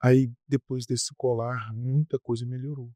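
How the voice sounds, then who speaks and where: A man of ordinary pitch tells his stories in a loose, animated way, circling back with fillers and repeated words. He sounds like a rock singer chatting as a podcast guest. The recording is close and dry, with no room sound. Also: unhurried, no echo. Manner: animated, repetitive storyteller with frequent fillers. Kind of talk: casual storytelling interview.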